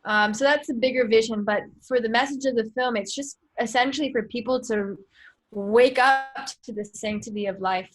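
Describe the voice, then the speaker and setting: A woman's voice: fairly high pitch, normal speed. A woman guest speaking earnestly over a video call and searching for her words. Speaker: guest filmmaker and activist. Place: outdoors in a jungle.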